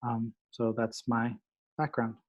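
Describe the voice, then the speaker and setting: A man, a product designer and former teacher, introducing himself on a video call in a measured way with fillers. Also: mid-range voice, little pitch movement. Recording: dull video call audio.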